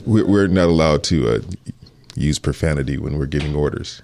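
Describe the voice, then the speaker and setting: A man speaking as a police detective in an interview, answering earnestly and hesitantly, with halting restarts. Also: a bass voice, creaky, darkish tone, slight background noise.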